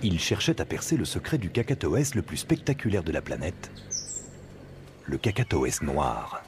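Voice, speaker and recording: A man's voice: low voice, sing-song, fairly quick, noisy background. A man narrating a nature documentary from a script, as its storyteller.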